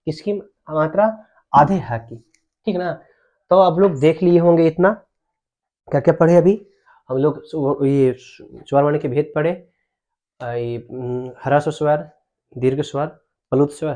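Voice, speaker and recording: Young guy teaching grammar, kinda high voice, keeps asking if u got it. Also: darkish tone. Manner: explains slowly, checks understanding with repeated questions. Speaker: Hindi teacher. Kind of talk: classroom grammar lesson.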